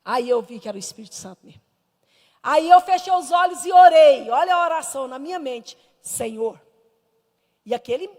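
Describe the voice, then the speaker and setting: A Brazilian woman missionary with a high voice and a Brazilian Portuguese accent delivers a fervent Sunday school sermon woven with personal testimony. Her emphatic storytelling swings between hushed and loud, echoing through a church hall.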